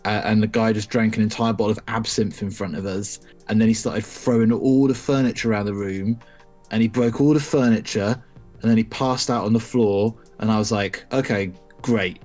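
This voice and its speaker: A man's voice: fairly low pitch, fairly even intonation, brisk, a little mellow, soft background music. A young man from the UK, a podcast co-host, telling rambling, profane anecdotes in casual chat, with many restarts.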